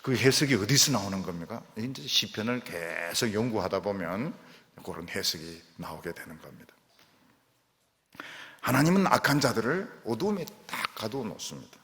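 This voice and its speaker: A man preaching a sermon as a pastor, in an animated, dramatic storytelling manner, with long church hall reverb. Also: on the low side, moderate pace. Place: church sanctuary.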